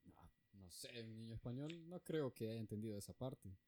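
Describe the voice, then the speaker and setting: A man's voice: mid-range voice, lively intonation, moderate pace, mellow. A man co-hosting a casual chat in a laid-back way, mostly answering in short replies. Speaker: podcast co-host.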